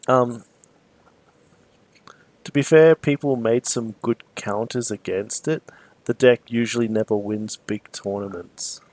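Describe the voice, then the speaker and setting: A relaxed man talks through his moves as he streams a card game. His voice sits at an average pitch for a man. The delivery is loose, chatty and quick to chuckle. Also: no echo. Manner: relaxed, chatty, muses aloud and chuckles easily. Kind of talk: casual thinking aloud while playing.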